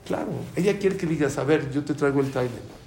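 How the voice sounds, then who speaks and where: A man teaching a Talmud class to a live audience, lively and quizzing listeners with questions. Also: fairly high pitch, brisk, a little hiss or hum. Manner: animated, asks the audience questions. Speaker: Torah teacher. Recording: roomy room with faint ambience.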